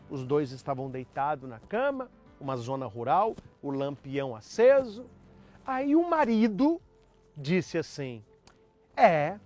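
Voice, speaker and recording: A man's voice: high voice, a little mellow. A man preaching as a priest, delivering an emphatic sermon with acted-out quotes. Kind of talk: sermon on marriage.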